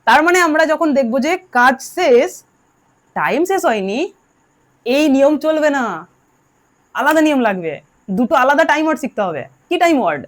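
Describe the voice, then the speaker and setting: A woman's voice: high voice, very animated, a little fast, long pauses. A woman teaching English grammar to a class, drilling her students and telling them to answer aloud. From Bengal. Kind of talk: classroom lesson.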